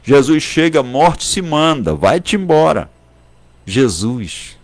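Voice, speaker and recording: A man's voice: mid-range voice, sing-song, slow pace. A man preaching a sermon in a Brazilian Portuguese accent, repeating phrases for emphasis and at times speaking in tongues. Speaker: pastor.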